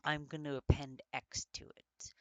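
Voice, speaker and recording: A man's voice: a little high, little pitch movement, a little slow, fairly bright tone, no echo. A man giving a casual coding walkthrough, thinking aloud with many fillers and often getting tongue-tied and correcting himself. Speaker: coding tutor.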